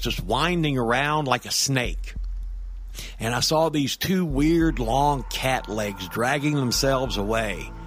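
A man with a medium-pitched, fairly bright voice plays a rattled, indignant grandfather phoning in about a monster cat, with music behind him. He's conversational and stammering, seeking agreement with tag questions, in a first-person horror-comedy monologue for an audio drama.

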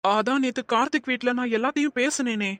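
A woman's voice: on the high side, fairly quick, a bit bright, no room sound, lightly acted. Woman voicing a pleading young cartoon husband. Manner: earnest, pleading. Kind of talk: animated cartoon voice acting.

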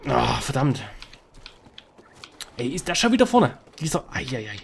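A man giving excitable live commentary over his own gameplay into a headset microphone, calling out wins and losses. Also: on the high side, fast, slight background noise. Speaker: gaming commentator.

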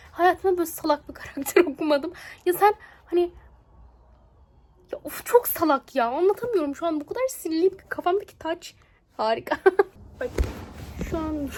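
Brief: young woman, high bright voice, lively exclaiming book vlogger, faint room noise. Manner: animated, exclaiming, laughing often. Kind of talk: casual reading vlog.

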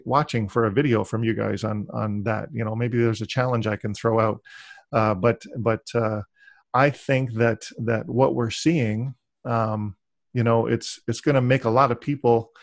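A man's voice: mid-range voice, fairly even intonation, measured pace, vocal fry, no room sound. A man in his fifties interviewing guests over a video call from his home study, talking with enthusiasm and frequent restarts. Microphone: desk microphone on a video call.

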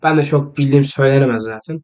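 A man's voice: mid-range voice, rapid-fire, darkish tone. A teenage boy chatting casually to camera in a joking, teasing, rambling way. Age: teens. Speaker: vlogger.

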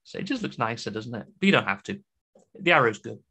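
A British man presents a programming talk at a conference, chatty and keen, with humorous asides. His medium-pitched voice is very animated and quick, creaky, bright and forceful, with a slight roughness.

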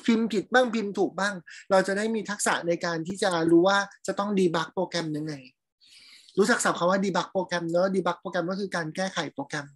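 During a live coding lesson, a female teacher talks through her code and reasons aloud, calling her student by name to make sure they understand. She has a husky, mid-range voice with fairly even intonation and a fairly quick pace.

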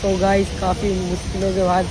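A man's voice: high-pitched, completely flat delivery, brisk. Young man on a noisy street. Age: young adult. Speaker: friend on the vlog. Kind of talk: casual vlog chat. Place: street, outdoors.

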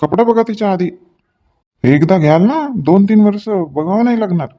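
A man playing a chatty shopkeeper in a comedy sketch, joking with customers while pitching his goods. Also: animated, normal speed, highs cut off. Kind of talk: comic sketch acting.

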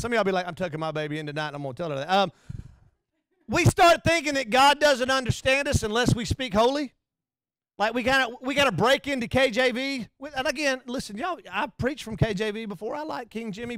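Man, pastor, animated conversational sermon, dry close sound. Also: clear, resonant tone, dry recording. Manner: animated, joking, acts out bits in a low hushed voice.

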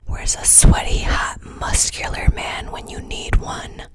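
A young woman whispering close to the mic while tasting candy for an ASMR video, frank and joking as she chews. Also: slow pace. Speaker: ASMR creator.

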